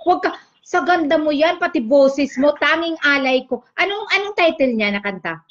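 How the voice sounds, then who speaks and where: A woman's voice: high-pitched, expressive, normal speed, fairly bright tone. A woman hosting a casual livestream, chatting, teasing her guest and reading out viewer comments. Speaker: livestream host. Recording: dull lo-fi stream audio.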